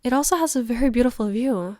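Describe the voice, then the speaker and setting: A woman playing a loving, tired girlfriend on a late-night call, in a soft, intimate ASMR role-play. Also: fairly high pitch, quick pace, dry recording, studio quality, natural voice. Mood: wistful, tender.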